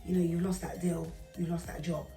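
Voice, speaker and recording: A woman's voice: lowish voice, little pitch movement, brisk, over music. A woman, giving emphatic advice in a casual chat. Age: 30s. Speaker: guest. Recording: roomy and distant from the mic.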